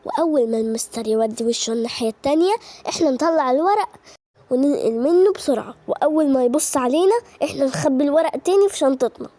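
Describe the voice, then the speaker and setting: A woman's voice: high voice, animated, fast, dark tone, no room sound. A woman voicing a sly, scheming schoolgirl who talks conspiratorially, with an Egyptian accent. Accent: Egyptian Arabic. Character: scheming confident schoolgirl Samar.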